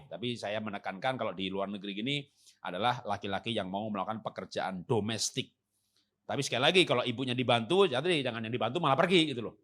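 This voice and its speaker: A man preaching a church seminar sermon with humor. He acts out quoted husbands and wives and moves from loud emphasis to soft, calm passages. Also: mid-range voice. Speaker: guest preacher. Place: church service.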